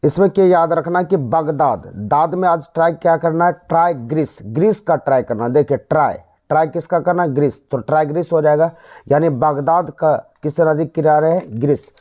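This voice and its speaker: An Indian man with a Bihari Hindi accent gives an exam lesson on general knowledge mnemonics, drilling repetitively in call-and-response and quizzing listeners. His voice is on the high side and a little mellow, at a moderate pace, on dull lo-fi audio.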